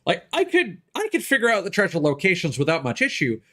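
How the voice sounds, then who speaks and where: This game streamer talks fast in a high-pitched voice whose pitch swoops wildly, and his tone is bright and forceful. During casual livestream chat, he explains things informally and throws in some swearing.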